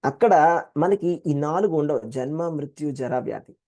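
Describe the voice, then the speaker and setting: A man with a Telugu accent leads a devotional class, animated and expressive, often slipping into quoted voices. His voice sits a little high for a man, with a mellow, warm tone. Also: moderate pace. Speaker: Gita teacher.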